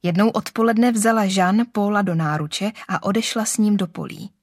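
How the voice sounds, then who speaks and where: A woman narrating a classic novel aloud in a calm, even, literary manner. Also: mid-range voice, dry recording, studio quality. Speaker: audiobook narrator.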